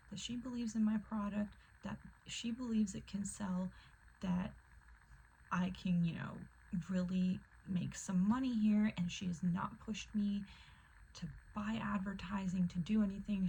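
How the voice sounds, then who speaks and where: A woman chatting casually to camera in a soft, often whispery voice, with many fillers. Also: mid-range voice, gravelly, slightly rough, rough recording. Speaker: vlogger. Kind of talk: casual chat.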